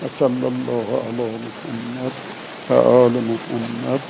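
A man teaching a seminary lesson, reading passages of text aloud and explaining each in plain words, slowing down on his examples. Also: medium pitch, monotone, vocal fry, background noise. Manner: slows down deliberately on examples. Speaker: religious studies teacher. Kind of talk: seminary lecture. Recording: dull lo-fi recording.

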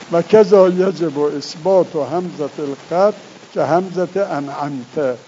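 Man teaching a seminary class, mellow raspy voice, reads text out then explains it, dull lo-fi recording. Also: a little high, a little hiss or hum. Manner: slows down deliberately on examples. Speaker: religious studies teacher. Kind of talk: seminary lecture.

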